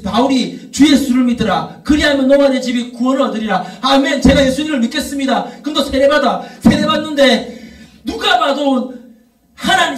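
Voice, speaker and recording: A youth pastor in his thirties gives an animated sermon. His voice sits very high for a man. He sounds a little far from the mic in a roomy, echoing church hall. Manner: storytelling, rising to emphatic repeated questions. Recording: echoey room, voice from off mic.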